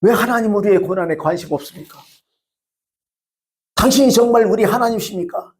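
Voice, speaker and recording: A man's voice: sits high, brisk, darkish tone, voice pushed up, lightly acted. A man voicing a suffering believer who bitterly pleads with God and complains to him. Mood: pleading.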